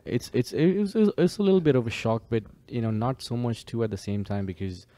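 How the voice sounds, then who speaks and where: A man's voice: medium pitch, a little fast, dry recording. A man from Kenya, a DJ and producer, chatting casually and easygoingly as a podcast guest. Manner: relaxed, easygoing, many fillers.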